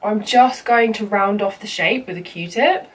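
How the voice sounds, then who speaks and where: This makeup vlogger is a young woman whose cold leaves her sounding congested while she chats through a tutorial full of ums and you-knows. She speaks at a measured pace in a medium-pitched voice, recorded on a slightly distant mic with faint room noise.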